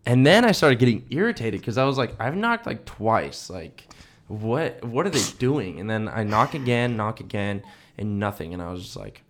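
Slight background noise sits behind a young podcast co-host with a fairly low voice and a moderate pace. He chats casually and retells stories with animation, leaning hard on slang like "dude" and "like."

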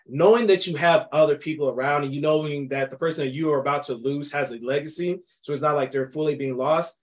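Animated young man hosting a podcast. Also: fairly high pitch, fast talker. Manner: animated, emphatic, laughs often. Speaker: podcast host. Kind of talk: casual movie discussion.

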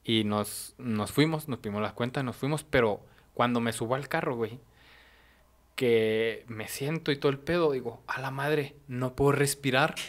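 In casual podcast chat, a young man with a Mexican Spanish accent tells a story, animated and slangy, laughing along the way. His voice is mid-range and his speed normal.

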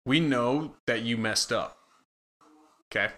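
A man's voice: medium pitch, slow, pushed and bright. A man from Michigan, a football line coach, co-hosting a casual podcast and explaining his coaching rules in an earnest, instructive way.

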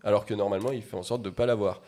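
A man's voice: lowish voice, fairly even intonation, racing, dark tone. A man hosting a casual chat about a film, laughing easily and teasing his co-hosts. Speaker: show host.

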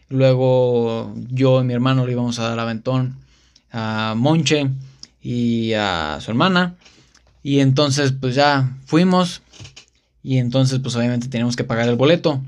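A man with a Mexican accent tells a story on his podcast in a loose, slangy way. He rambles and keeps chaining one event onto the next with the same linking words. His pitch sits in an ordinary middle range. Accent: Mexican Spanish. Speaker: podcast host. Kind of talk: casual storytelling.

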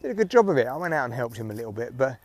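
Racing along with big pitch swings, a darkish, medium-pitched man's voice carries a middle-aged British comedian's rambling audio diary, recorded with no room sound. He's walking outdoors in the evening, chatting solo, wry and sweary, into headphones used as a mic near his neck.

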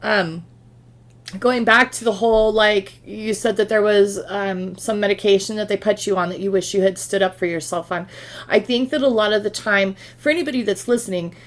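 A woman's voice: medium pitch, moderate pace. A woman hosting a podcast, speaking in a reflective, relatable conversational way. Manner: reflective, relatable, thinks aloud with fillers. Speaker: podcast host. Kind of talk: conversational interview.

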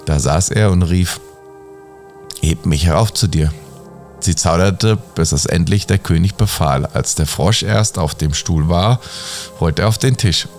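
Man, very deep voice, gravelly, bedtime story narration, soft music behind. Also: a little slow.

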